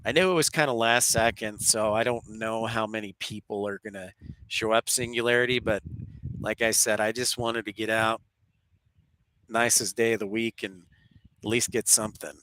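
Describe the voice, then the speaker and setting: A man with a cold and sore throat hosts a live plane-spotting stream at an airport, greeting viewers in casual chat. His congested voice is fairly low, bright and forceful, with fairly even intonation and a moderate pace, and the audio is poor.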